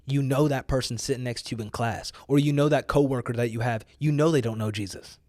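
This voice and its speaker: In a dry, studio-quality recording, an American man speaks a little fast with a medium-pitched, darkish voice. He preaches informally to motivate, urging emphatically, repeating phrases for effect and dropping casual youthful slang.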